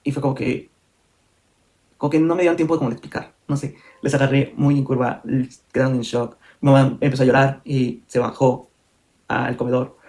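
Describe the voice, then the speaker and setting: A man's voice: mid-range voice, flat delivery, quick pace, darkish tone. A young man telling a personal story in a candid vlog, full of fillers and self-corrections. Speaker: vlogger.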